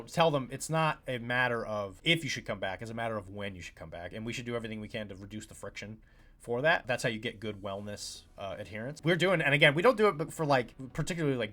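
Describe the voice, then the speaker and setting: A man's voice: mid-range voice, lively intonation, fast talker, sharp tone. A man, a chiropractor hosting his own podcast, talking in a casual rambling monologue full of fillers and acted-out patient quotes.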